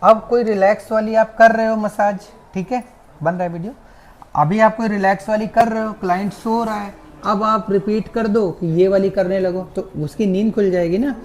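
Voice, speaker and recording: A massage instructor giving a hands-on class demonstration, with soft, repeated cues and frequent check-ins with the students. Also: mid-range voice, steady tone, moderate pace. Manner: soft, repetitive coaching cues. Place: training academy classroom.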